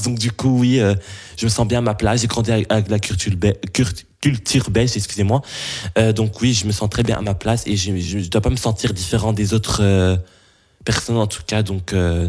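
Halting young Belgian man. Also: fairly low pitch, a little mellow. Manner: halting, many restarts and fillers. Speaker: interviewee. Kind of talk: interview answers.

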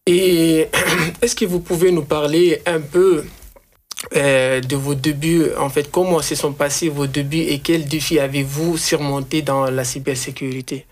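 A man's voice: on the high side, fairly even intonation, unhurried. A man interviewing a guest on the radio, hesitating often and repeating words as he asks his questions. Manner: hesitant, many fillers and repeats.

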